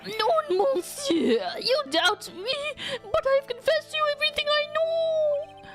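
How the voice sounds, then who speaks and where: A woman's voice: a little slow, over music. A woman voicing a flamboyant, melodramatic and timid French restaurant owner, a man with a theatrical, whiny manner and a French accent. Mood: tearful pleading. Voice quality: high, shrill, piercing.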